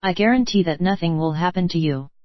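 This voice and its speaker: A jealous, bossy wife who scolds and gives orders, read out by a woman's text-to-speech voice. The voice sits low and the lines come out evenly. The audio is dry and a little muffled. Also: expressive, quick pace, dry recording, close to an everyday voice. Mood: scolding. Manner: scolding, commanding. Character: fierce shrewish noblewoman, a jealous wife.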